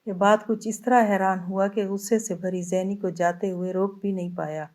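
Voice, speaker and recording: Mellow-voiced woman narrating a novel. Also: mid-range voice, fairly even intonation. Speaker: audiobook narrator.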